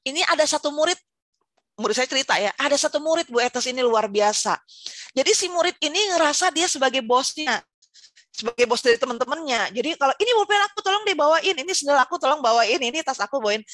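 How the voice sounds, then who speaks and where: A woman's voice: on the high side, a bit bright, no echo. A woman giving a chatty Islamic parenting seminar, speaking directly to the parents and asking them rhetorical questions. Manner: tags sentences with "gitu ya".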